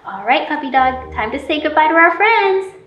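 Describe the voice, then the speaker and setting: A woman in her thirties runs a library storytime, using a high, animated voice at a moderate pace. She speaks to small children in simple, encouraging words, asking questions and offering praise. The audio is dull and roomy, picked up by a distant camera in a room with a painted mural.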